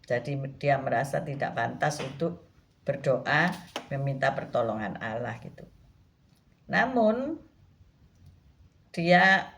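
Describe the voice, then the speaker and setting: Woman, pastor, devotional teaching, very slow, gravelly. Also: very deep voice, animated, a little hiss or hum. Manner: slow, gentle, frequent tag "ya".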